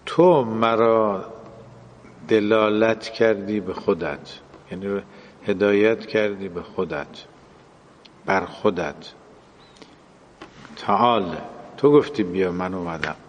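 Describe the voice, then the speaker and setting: A man's voice: on the low side, long pauses, long reverb tail, slight background noise. A man giving a religious lecture in a classroom style, explaining and translating quoted Arabic phrases.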